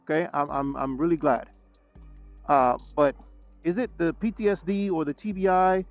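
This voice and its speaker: An indignant man rants into the camera in a talking-head vlog, stumbling and repeating words as he goes. His voice sits a little high for a man. Faint music plays underneath. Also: steady tone, normal speed. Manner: indignant, repeats himself, stutters when angry. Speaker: vlogger.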